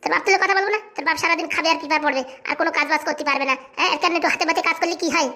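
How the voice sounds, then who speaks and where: This is a shrill, scolding cartoon wife who nags without pause, played by a woman. Her voice sits high and her words race out very fast. She sounds sharp-tongued and bossy. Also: steady tone, full character voice. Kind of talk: cartoon voice acting.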